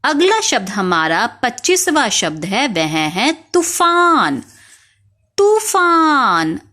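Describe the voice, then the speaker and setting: A woman teaching young children spelling, slowly spelling out each word letter by letter and asking them questions. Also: fairly high pitch, sing-song, bright, forceful tone. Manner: slow, spells words letter by letter, asks questions.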